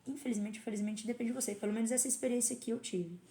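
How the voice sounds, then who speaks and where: A woman speaks as a podcast guest, recounting her experience in a reflective, storytelling way. Her voice sits a little high, and the recording carries a noticeable roomy echo. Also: steady tone, racing, mellow. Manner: reflective, storytelling with quoted self-talk. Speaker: podcast guest, karate teacher. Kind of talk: casual interview conversation.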